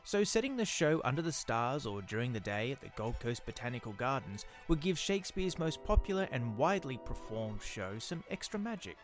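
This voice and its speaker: Male podcast presenter, scripted narration, mid-range voice with lively intonation, music underneath. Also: medium pitch, a little fast, few pauses. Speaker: podcast host.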